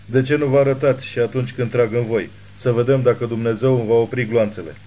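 Man reading wounded defiant gunman, shouting taunts, audiobook, mellow tone. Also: medium pitch, fairly even intonation, natural voice. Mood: defiant taunting.

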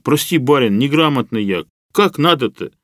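A man's voice: mid-range voice, expressive, moderate pace, fairly bright tone, no echo, clean studio sound, voice pushed up, close to an everyday voice. A man voicing a simple, servile male peasant who speaks in folksy, rustic phrases. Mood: humble. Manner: humble, folksy, rustic speech.

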